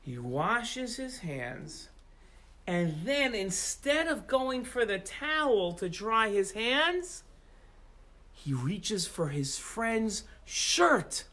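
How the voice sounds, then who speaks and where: Animated man telling a kids' story. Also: high voice, very slow, rough recording. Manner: animated, emphatic. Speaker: children's storyteller. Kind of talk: storytelling for children. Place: outdoors in the rain.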